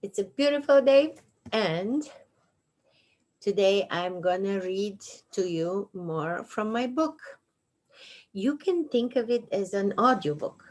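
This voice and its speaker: A Bulgarian-accented woman in her sixties, host of her own show, sits on her couch at home reading her memoir aloud. Her medium-pitched voice has lively intonation, and she goes slowly and deliberately with dry humor.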